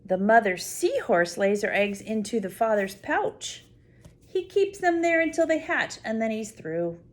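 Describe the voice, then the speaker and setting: During story time, a grandmother with a somewhat high voice reads a picture book to little ones, speaking slowly and with great animation. Full of wonder, she breaks off now and then to explain things simply or talk to a child.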